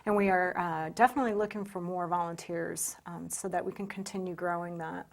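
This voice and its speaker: Hesitant New woman guest, gravelly tone, pauses and restarts often. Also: fairly low pitch, steady tone. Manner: hesitant, many ums and restarts. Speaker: volunteer center guest. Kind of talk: interview answers.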